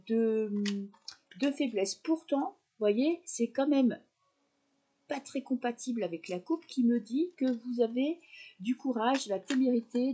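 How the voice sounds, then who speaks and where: A woman's voice: on the high side, warm tone, slightly rough. A woman doing a casual tarot reading, talking straight to her viewers in a chatty way with frequent fillers. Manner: chatty, addresses viewers directly, many fillers. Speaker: tarot reader.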